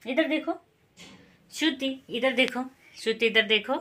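A woman filming a casual family vlog at home, coaxing and gently scolding her child while talking to viewers. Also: on the high side, unhurried.

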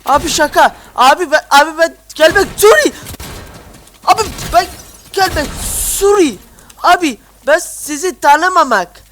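A woman's voice: very high-pitched, lively intonation, unhurried, fairly bright tone, slight background noise, voice pushed up, heavily acted. Woman putting on a pleading foreigner with broken grammar. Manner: begging, childlike broken phrasing.

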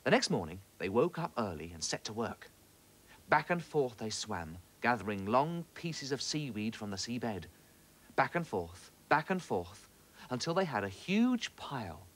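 Male storyteller, expressive children's TV reading, very lively melody. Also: medium pitch, normal speed. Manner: expressive, animated.

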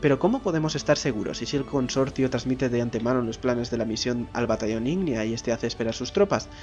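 A man's voice: medium pitch, fast, a little mellow, highs cut off, soft background music. A man reads game dialogue aloud in a gameplay video. Between the lines he makes casual asides and swears mildly when frustrated. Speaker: gameplay commentator.

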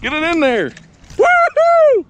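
A man's voice: very high-pitched, huge pitch swings, slow pace, a bit bright. A young man fishing from a kayak on a lake, chatting casually and exclaiming over each catch. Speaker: fishing vlogger. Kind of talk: casual outdoor chat while fishing. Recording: noisy outdoor camera audio. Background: rain and water noise.

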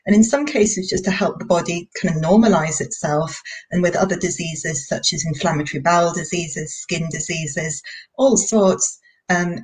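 A woman's voice: deep voice, slightly rough. A woman in her thirties, raised in Bahrain, works as a vet and explains her work earnestly over a video call, often repeating words as she thinks. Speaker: veterinarian guest. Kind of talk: explanatory interview talk. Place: indoor room at home.

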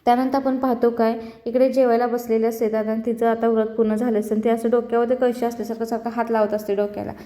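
A woman's voice: a little high, level tone, fast, few pauses, warm tone. A woman casually retelling a TV serial episode in a chatty, loose storytelling manner. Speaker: serial recap narrator. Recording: echoey room.

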